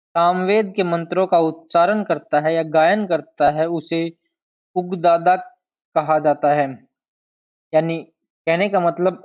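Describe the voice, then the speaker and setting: Male teacher, fairly high voice, exam-prep lecture, drills key terms, dull lo-fi recording. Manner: slow, deliberate, repeats key terms to drill them. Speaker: history teacher. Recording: dull lo-fi sound.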